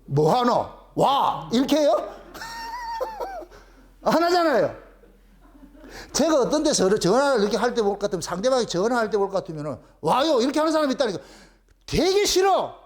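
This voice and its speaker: A man's voice: very high voice, fairly quick, pauses often, slight background noise. A middle-aged male pastor with a Gyeongsang accent, preaching a playful sermon and acting out little scenes in voices. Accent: Gyeongsang Korean. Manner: animated, playful, acts out phone calls in voices.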